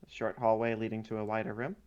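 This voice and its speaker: A man's voice: on the low side, little pitch movement, quick pace, a little mellow, clear, resonant tone, muffled recording. A man narrating as game master of a tabletop game, describing scenes unhurriedly with frequent fillers.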